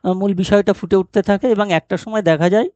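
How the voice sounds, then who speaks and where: Speaking fast in a high, steady, mellow voice, a man retells a short story as a teacher, raising rhetorical questions and answering them himself. The recording sounds dry and dull.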